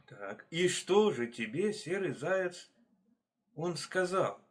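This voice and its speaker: A man's voice: a little high, very animated, takes it slowly, voice pushed up. A man doing a bold commanding snow leopard. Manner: commanding, questioning.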